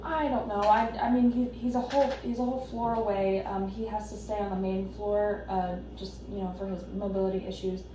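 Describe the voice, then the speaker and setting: A woman playing an anxious, devoted wife who explains herself haltingly and defensively in a counselling role-play. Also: medium pitch, steady tone, lightly acted. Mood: anxious, apologetic. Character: anxious, devoted wife caring for her husband. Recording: echoey room, distant mic, noisy background.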